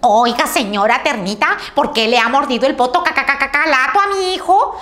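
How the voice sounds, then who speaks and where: A woman's voice: mid-range voice, animated, quick pace, bright, forceful tone, soft background music. A woman voicing an angry mother hen in a children's story, scolding with clucking stammers. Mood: furious. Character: furious mother hen, bossy.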